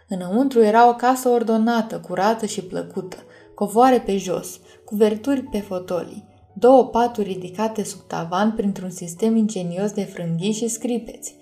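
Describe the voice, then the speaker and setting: A woman narrating a fantasy audiobook in a calm, measured reading. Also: medium pitch. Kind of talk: scripted storybook narration.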